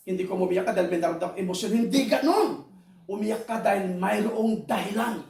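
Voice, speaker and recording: A man preaches a sermon in a high voice, emphatic, tossing "right?" at the congregation and breaking into high shouts. He sounds distant from the mic, and the church hall echoes around him. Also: a little fast, vocal fry.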